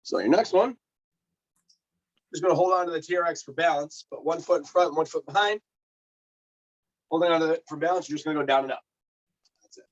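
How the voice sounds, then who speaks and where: A man working as a personal trainer with a hoarse voice, coaching a client through exercises step by step with easy laughs. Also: fairly high pitch, fairly quick, pauses often, highs cut off. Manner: patient step-by-step instructions, laughs easily. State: hoarse, lost voice. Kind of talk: remote workout coaching.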